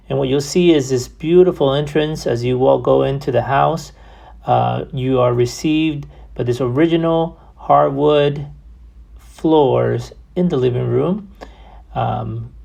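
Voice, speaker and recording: A real estate agent talks through a property tour in a soft-edged, mellow voice with noticeable fry. The delivery is casual and unscripted, full of compliments, and often pauses or restarts mid-phrase. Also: mid-range voice, fairly even intonation. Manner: complimentary sales talk.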